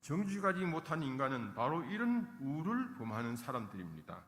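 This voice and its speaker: A man's voice: medium pitch, big pitch swings, brisk, a bit bright. A male pastor preaching a sermon with emphasis, acting out the lines he quotes. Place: church sanctuary. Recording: echoey church hall.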